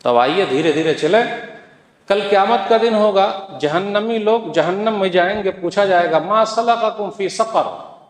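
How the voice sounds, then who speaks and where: A man with a high voice preaches a Friday sermon at normal speed, urging his listeners on with rhetorical questions and quoted scripture. The recording has the long reverb of an echoey hall.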